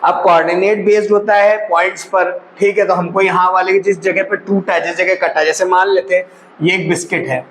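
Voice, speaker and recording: A man's voice: high-pitched, level tone, fairly quick, fairly bright tone, a little hiss or hum, low-quality recording. Man teaching maths, quizzing aloud. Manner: asks students questions and answers them himself; addresses students as brother and child. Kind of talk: classroom lesson explanation.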